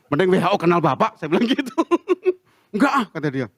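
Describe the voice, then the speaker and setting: A man preaching a sermon as a pastor, telling a story with animated acted-out dialogue and an Indonesian accent. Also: sits high, normal speed, dry recording. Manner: animated, acts out dialogue with shifting voices. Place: church.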